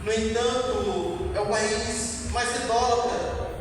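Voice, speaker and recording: A Brazilian man preaching a fervent sermon as a pastor, with drawn-out, emphatic repetitions. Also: very high-pitched. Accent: Brazilian Portuguese. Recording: echoey hall from far off, noisy.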